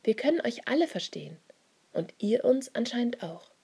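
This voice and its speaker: In this storybook telling, Peter is an excitable grown man who cannot stop talking and insists on his point, as a woman reads him. The voice is husky and breathy, with a gravelly edge and a mellow, dark tone. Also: a little high, normal speed, voice pushed up, heavily acted. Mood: eager. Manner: eager, insistent, long-winded.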